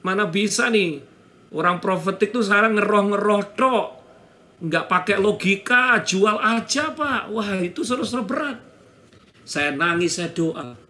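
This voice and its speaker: A man's voice: high voice, animated, measured pace, sharp tone. A middle-aged man from Indonesia preaching a sermon as pastor, telling a personal testimony with emotion and addressing the congregation often. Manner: addresses congregation repeatedly, emotional storytelling, acts out dialogue.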